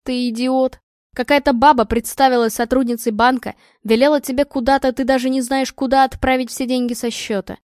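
A calm, sardonic young man lectures his friend in an unhurried, dry way, voiced by a woman reading the story. Her voice sits fairly high and sounds close, with no room echo. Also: natural voice. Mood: blunt.

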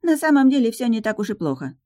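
A woman's voice: on the high side, sing-song, fast, mellow, dry recording, voice pushed up. A woman voicing a small sardonic male dragon familiar who teases and lectures. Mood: lecturing. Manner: teasing, dry, lecturing. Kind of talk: audiobook narration.

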